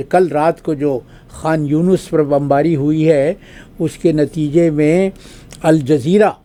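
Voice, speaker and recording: An older man from Pakistan speaks as a guest analyst with a slightly high yet mellow voice. His talk is measured and formal, with long pauses and drawn-out fillers between his points. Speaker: guest analyst, retired diplomat. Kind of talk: formal spoken commentary.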